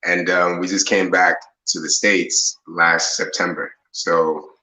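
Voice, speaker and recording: A man from Nigeria, a guest on a video call, talking in a relaxed, easygoing way. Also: deep voice, slow. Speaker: interview guest. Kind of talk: casual video call chat. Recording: muffled video call audio.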